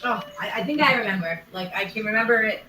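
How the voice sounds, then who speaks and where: A woman co-hosting an online trivia game, chatting in an excitable, talkative way. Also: mid-range voice, echoey room, low-quality recording. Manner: chatty, excitable, quick to laugh. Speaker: trivia co-host. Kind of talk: casual chat.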